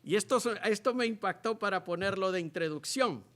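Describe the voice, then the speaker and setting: High bright earnest man preaching. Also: lively intonation. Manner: rises to loud emphatic reading of scripture; earnest, halting delivery with restarts. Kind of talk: sermon. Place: church.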